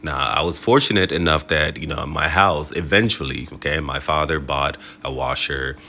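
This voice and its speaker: Very deep-voiced man vlogging. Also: moderate pace, creaky, slight background noise. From Nigeria. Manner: animated and colloquial, with frequent check-in tags. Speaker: travel vlogger. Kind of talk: casual vlog talk to viewers.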